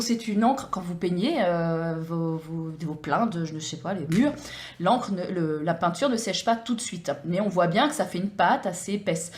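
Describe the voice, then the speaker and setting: Woman, craft tutorial host, fairly high voice, chatty, lots of fillers. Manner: chatty, with many fillers and restarts. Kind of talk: explaining a scrapbooking product review.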